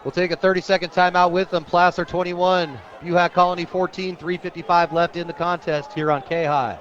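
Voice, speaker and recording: High-voiced and a little fast, an American radio announcer gives flat play-by-play of a football game live. The dull audio comes from an outdoor high school stadium broadcast, with heavy crowd noise in the background.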